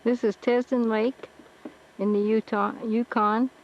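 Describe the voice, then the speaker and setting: Woman, slow-spoken, narrating home video outdoors, old camcorder audio, dull and faintly hissy. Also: on the high side, flat delivery. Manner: slow, plain describing of the scenery. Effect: old camcorder audio, muffled with faint hiss. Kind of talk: casual narration while filming. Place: outdoors by a lake and campground. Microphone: built-in camcorder mic. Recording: muffled lo-fi camcorder tape with faint hiss.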